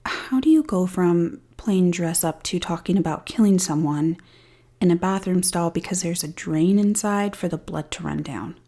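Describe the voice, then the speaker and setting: A woman's voice: on the low side, moderate pace, dark tone. A woman hosting a true crime podcast, retelling a case with dry, sarcastic asides. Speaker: podcast host. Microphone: studio-style podcast mic.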